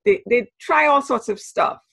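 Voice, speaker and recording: Her voice is fairly high, creaky, husky and fairly bright: a Trinidadian-accented anthropology professor being interviewed as a guest. Patient and measured, she spells out terminology and repeatedly checks understanding with "right?"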